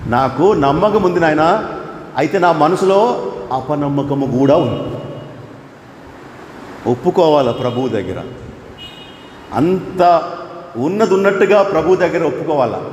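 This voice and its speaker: A man's voice: animated, unhurried, long pauses, darkish tone, slight background noise. Emphatic preaching man in echoey hall. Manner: emphatic preaching, rising high on quoted pleas. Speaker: pastor. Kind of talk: sermon. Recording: echoey hall with faint ambience.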